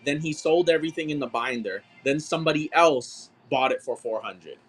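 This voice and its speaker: A man's voice: fairly high pitch, brisk, a bit bright, slightly rough. A man hosting a livestream, talking in a blunt, exasperated way and swearing often. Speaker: livestream seller. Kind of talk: casual livestream chat.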